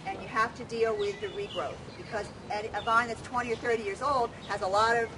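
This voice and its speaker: Outdoors in a wooded riverside park, a middle-aged plant educator leads a walking tour, explaining things informally and a bit haltingly and taking questions. She speaks with fairly high pitch and fairly even intonation. The recording comes from a camera among the crowd a few metres off, with loud background noise.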